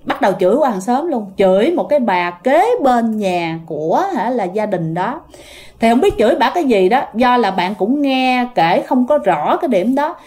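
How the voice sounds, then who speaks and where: A woman's voice: a little high, normal speed. A woman telling a ghost story casually, talking directly to her listeners. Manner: animated, addresses listeners directly.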